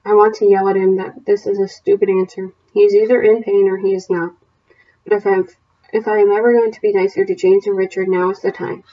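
A woman's voice: medium pitch, a little fast, dull audio. Woman teacher reading a novel aloud. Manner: steady, plain reading with small self-corrections. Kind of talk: reading a novel aloud and setting homework questions.

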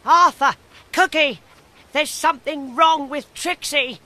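A woman voicing a small excitable dog in a children's textbook audio story, worried and childlike. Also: sits high, slow, background noise, pitched above the performer's own voice.

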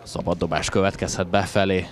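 A man with a deep voice that barely moves in pitch calls a handball match live, keeping it chatty and tossing in wry asides. He is a sports commentator, and a sports-hall crowd can be heard behind him.

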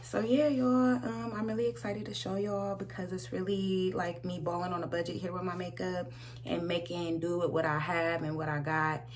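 A young American woman in her twenties, a makeup vlogger, speaks at normal speed in a lowish, flat voice. She chats informally with slang during a tutorial. It's a noisy home recording with hum, made indoors in a small room.

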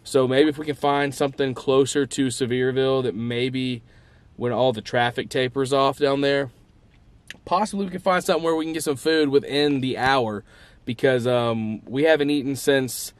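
A man's voice: mid-range voice, fairly even intonation, moderate pace, clean tone. A young man, chatting casually to camera in a travel vlog, upbeat and full of fillers. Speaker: vlogger.

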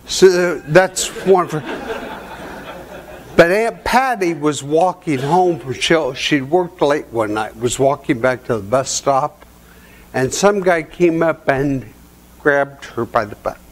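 A man's voice: a little high, animated, slow. An older man giving a seminar talk in a hotel conference room, with a folksy storytelling manner, chuckling at his own stories. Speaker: seminar presenter.

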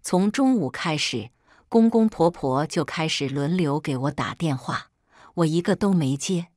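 A woman telling a first-person story as scripted narration, reading in a steady, measured way. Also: low-pitched, no room sound, studio quality.

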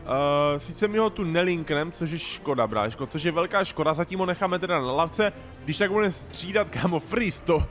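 A young man giving slangy, excited commentary while playing a football game, often breaking into loud sing-song shouts. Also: on the high side, soft background music. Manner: slangy, calls viewers "bro" constantly. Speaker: gaming streamer.

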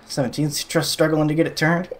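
A man's voice: on the high side, little pitch movement, fairly quick, a little hiss or hum. A young man giving casual, sarcastic commentary over a sim racing replay, exasperated at the calls.

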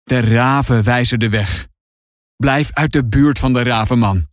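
A man voicing a confused, frightened old grandfather in a storybook reading, speaking low and ominously. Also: measured pace, no room sound, clean studio sound, lightly acted.

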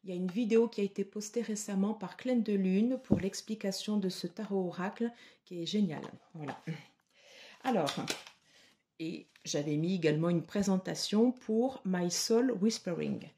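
A woman giving a tarot reading to her viewers, slow and hesitant with many fillers. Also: medium pitch, warm tone, a little hiss or hum. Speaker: tarot reader.

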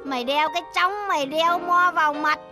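A wailing old Northern village aunt. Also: female voice, very high voice, a little fast. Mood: scolding. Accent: Northern Vietnamese. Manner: wailing, melodramatic cursing. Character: scolding old village aunt, loud and dramatic. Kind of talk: stage comedy sketch. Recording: music playing underneath.

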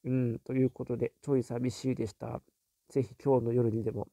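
A man hosting a casual live stream, reading viewer comments aloud and musing on them with soft little fillers. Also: medium pitch, little pitch movement, a little fast, no room sound.

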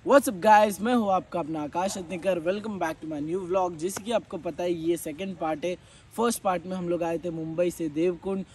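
In this casual trekking vlog, a young traveler walks through the forest talking to his phone at arm's length, chatty and full of enthusiasm. His voice is high-pitched at a moderate pace, with soft background music.

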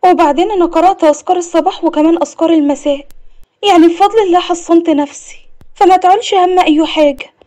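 A shy, sweet Egyptian bride of twenty, as a woman narrator voices her, high and quick. Her speech is soft and mellow. Animated story voice work. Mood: pleading. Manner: shy, pleading, excited. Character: shy sweet 20-year-old young woman, new bride.

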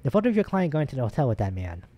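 A man voicing a serious young male video game detective in a low, gravelly vigilante growl. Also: sing-song, rapid-fire, dark tone. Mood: stern, probing. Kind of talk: reading video game dialogue in character.

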